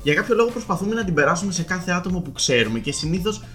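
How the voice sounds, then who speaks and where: Young male co-host, crisp bright tone, playful banter, faint music behind. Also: sits high, sing-song. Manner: quick, teasing, laughs often. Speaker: podcast co-host. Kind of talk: casual chat.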